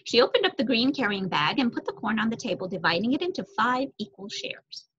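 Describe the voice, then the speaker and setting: A young woman reading a children's story aloud, expressive and with varied emphasis. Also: on the high side, a little fast, a little hiss or hum. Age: young adult. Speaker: reader. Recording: dull lo-fi recording.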